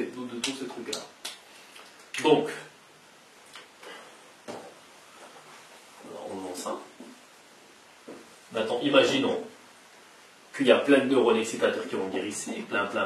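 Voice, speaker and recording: Man, casual whiteboard lecture, repeats key terms, echoey room, faint hiss. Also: mid-range voice. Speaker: science educator. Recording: roomy echo, distant mic, faint hiss.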